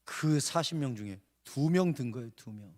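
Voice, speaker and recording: A male pastor preaching at an evening revival service. He tells a story that swings from hushed narration to shouted outbursts. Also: mid-range voice, animated, normal speed. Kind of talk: revival sermon. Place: church sanctuary.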